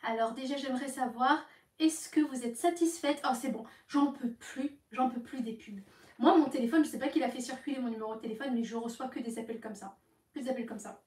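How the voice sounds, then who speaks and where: A young woman telling her followers about phone calls in a casual, animated way, acting out the other side of each call. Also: a little high, quick pace. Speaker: live streamer talking to her followers. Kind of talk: casual storytelling to viewers. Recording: echoey room, voice from some distance.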